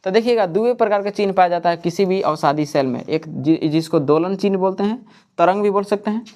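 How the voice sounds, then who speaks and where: A man's voice: high-pitched, fairly quick, a little mellow. A man teaching in a coaching classroom. He keeps asking the class questions and answering them himself. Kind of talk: classroom lecture.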